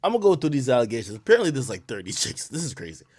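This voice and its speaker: Reacting live on stream, this man talks loudly, excitedly, and with lots of swearing, punctuated by bursts of laughter. He speaks rapid-fire in a mid-range voice.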